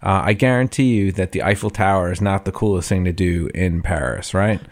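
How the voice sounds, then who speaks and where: Low-voiced man in casual chat. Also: a little fast, darkish tone. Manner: rambling, laughs often, many restarts. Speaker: podcast co-host.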